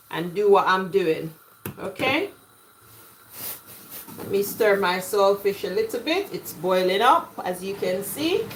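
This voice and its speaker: A woman's voice: medium pitch, a bit bright, slight background noise, poor audio. A woman hosting a casual live cooking stream from her home kitchen, chatty and greeting viewers by name. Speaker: cooking livestream host. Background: washing machine running.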